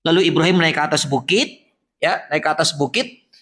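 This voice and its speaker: A man with a fairly high voice preaches at a gathering in a mosque. He asks the audience questions and answers them himself. When he chants verses, he slows down and draws out the words. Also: a bit bright. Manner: chants Quranic verses slowly. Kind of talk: religious lecture.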